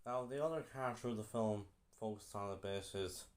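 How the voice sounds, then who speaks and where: A young man giving a casual film review, halting and often repeating himself. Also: fairly low pitch, soft background music.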